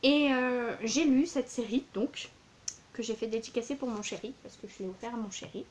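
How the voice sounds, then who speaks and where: A woman's voice: on the high side, moderate pace, darkish tone, slight background noise. Chatty woman gushing over books. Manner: gushing, with many fillers and repeated words. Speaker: book vlogger. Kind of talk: casual book haul vlog.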